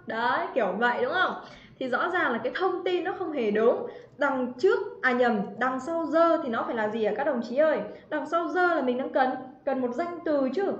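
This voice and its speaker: Woman teacher, high voice, playful chatty livestream lesson, roomy dull sound. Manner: chatty, teasing, calls out students by name. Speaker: English teacher.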